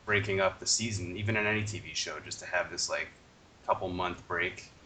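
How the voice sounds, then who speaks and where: A man co-hosting a podcast, recapping a show in a rambling, halting way. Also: low-pitched, steady tone, far from the mic, a little hiss or hum. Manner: rambling, halting recap with mock-shouted quotes. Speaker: podcast co-host. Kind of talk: casual chat.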